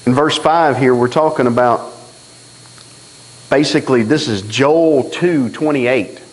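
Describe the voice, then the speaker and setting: A man preaching a sermon in a church, telling stories in a folksy, animated way and acting out the dialogue. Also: mid-range voice, unhurried, poor audio. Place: church sanctuary.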